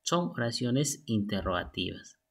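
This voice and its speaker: A man's voice: medium pitch, very animated, a bit bright, breathy edge. A man teaching a lesson from slides, methodical and reading examples aloud. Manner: slow, methodical, reads out examples. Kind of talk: slide lesson on sentence types.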